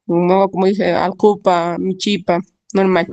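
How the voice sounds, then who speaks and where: A woman's voice: lowish voice, flat delivery, measured pace, a little mellow, highs cut off. A woman, a student asking her teacher a question in an online class. She checks her understanding and asks for confirmation. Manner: inquisitive, seeking confirmation.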